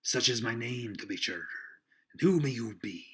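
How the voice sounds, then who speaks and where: A man voicing a jovial but sly one-legged pirate innkeeper in a storybook reading, loud and domineering, with folksy seafaring talk. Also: mid-range voice, animated, normal speed, slight background noise, natural voice. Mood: genial.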